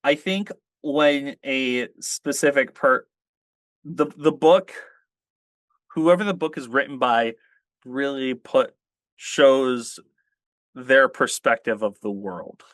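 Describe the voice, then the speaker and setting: A man's voice: mid-range voice, slow, pauses often, fairly bright tone, no room sound. A man co-hosting a casual podcast discussion, talking hesitantly with frequent stammers and restarts. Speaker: podcast co-host.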